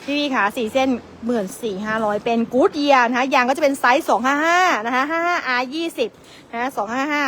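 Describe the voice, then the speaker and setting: Fast-talking high-voiced saleswoman. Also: a little hiss or hum. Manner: fast, chatty sales patter, keeps calling out prices. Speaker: tire shop saleswoman. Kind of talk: live-sale product pitch. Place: tire shop.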